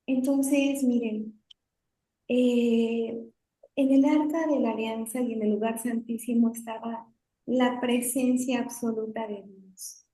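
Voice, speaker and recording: High-voiced woman pastor, echoey call. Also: steady tone, slow, dark tone. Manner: explanatory, often adds "¿no?" and "entonces". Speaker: pastor leading a women's devotional. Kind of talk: Bible teaching over a video call. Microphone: video call.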